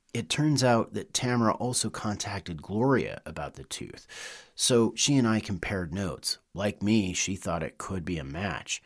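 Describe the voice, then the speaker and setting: A man's voice: low voice, breathy edge. A middle-aged man hosting a podcast, narrating from a script and interviewing people. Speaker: podcast host and author.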